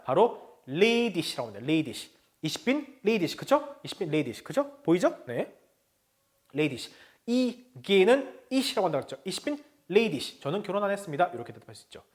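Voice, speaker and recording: A Korean-speaking man teaching German, explaining step by step, slowly modeling the German words and often asking the class whether they follow. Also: sits high. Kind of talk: video lesson lecture.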